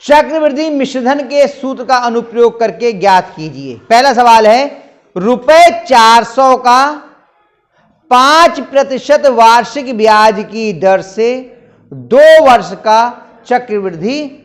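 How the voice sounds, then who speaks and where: A man's voice: very high voice, expressive, slow pace. A man teaching a classroom maths lesson, patiently quizzing his students.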